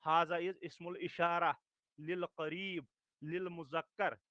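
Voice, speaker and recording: Man teaching, slow and repetitive. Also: on the high side, little pitch movement, sharp tone, no echo. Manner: explains slowly, repeats words, checks in with "haan?". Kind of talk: recorded online lecture. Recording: dull dry lo-fi recording.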